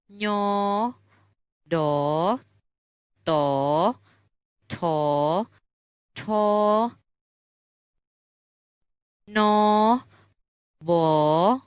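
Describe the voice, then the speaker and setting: A woman sounds out one syllable after another for a pronunciation drill. She speaks very slowly, and her voice is very smooth and crisp. The recording is dry and close. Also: fairly low pitch, no echo. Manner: reads single syllables one at a time. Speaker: pronunciation model.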